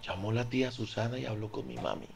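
A Colombian man doing improvised stand-up, acting out family members and swinging from loud lines to whispers. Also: medium pitch, quick pace, gravelly. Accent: Colombian Spanish. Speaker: stand-up comedian. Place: live comedy stage before an audience.

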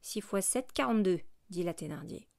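A woman reading aloud as a coarse, calculating innkeeper's wife who exclaims loudly. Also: medium pitch, lively intonation, normal speed, creaky, no room sound, studio quality. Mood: bargaining.

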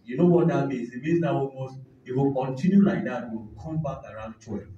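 A man with a Nigerian accent giving an animated testimony at a church service, mixing in pidgin and handheld mic. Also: medium pitch, a little fast, slight background noise. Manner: animated, mixes pidgin, shouts call-and-response. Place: large church hall. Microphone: handheld microphone. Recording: echoey hall, far mic, dull sound with music.

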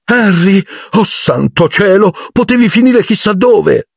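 A man putting on a fussing, anxious wizard mother in an audiobook, far above his own pitch. Her tone is sharp and fretful, read dry and close. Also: lively intonation, unhurried, creaky, husky, dry recording, exaggerated voice.

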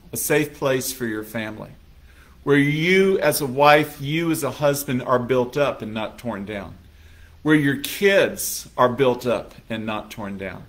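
A man with a mid-range, somewhat bright voice delivers a sermon as a pastor in a church sanctuary. His style is conversational, and he occasionally performs little scenes by putting on quoted voices.

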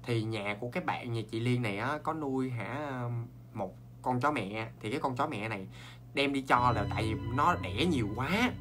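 A man with a Southern Vietnamese accent, hosting a ghost story show in a chatty, animated way and talking straight to his viewers. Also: medium pitch, faint music behind. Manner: animated, talks straight to viewers, quick asides and laughs.

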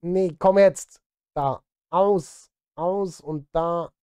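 A music streamer and composer in his thirties chats casually with livestream viewers while working in his home studio, self-deprecating and direct. His voice is high with a darkish, clear, resonant tone, and he draws out his words; there is no echo.

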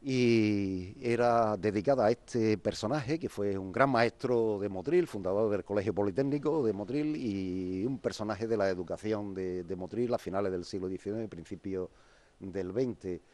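A man's voice: fairly low pitch, moderate pace, a little mellow. A man explains the history of an old quarter as he walks its streets outdoors. His talk is unscripted, full of restarts and fillers, in the manner of a local guide. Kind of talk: walking tour explanation.

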